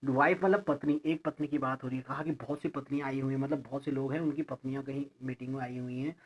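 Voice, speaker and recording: A man teaching an English grammar lesson, explaining each word slowly, spelling it out letter by letter and checking in with his students. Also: medium pitch, fairly even intonation. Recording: lo-fi recording.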